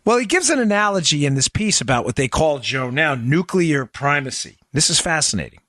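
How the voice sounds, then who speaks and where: A man's voice: a little high, sing-song, fairly quick, bright, forceful tone, no room sound, clean studio sound. A man hosting a political talk show, explaining points emphatically to his listeners and often restarting his sentences. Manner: emphatic, talks straight to listeners, frequent restarts.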